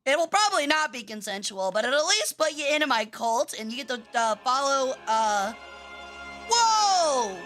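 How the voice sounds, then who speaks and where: A woman's voice: high-pitched, animated, brisk, few pauses, sharp tone, faint music behind. A woman livestreamer chatting to her viewers in a playful, cutesy anime-streamer manner.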